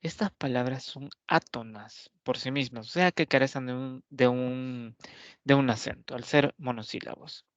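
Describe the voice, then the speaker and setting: A man teaching a grammar lesson, explaining slowly and deliberately, pausing often and checking that his listeners follow. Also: medium pitch, no echo. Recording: dull, lo-fi dry recording.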